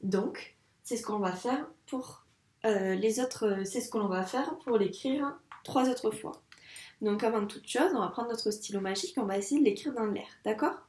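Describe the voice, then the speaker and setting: A primary school teacher, a woman, guiding a young child through a handwriting lesson in a patient, encouraging way, saying each sound slowly as she writes. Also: fairly high pitch, darkish tone. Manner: says sounds slowly while writing. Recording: echoey room, mic at a distance.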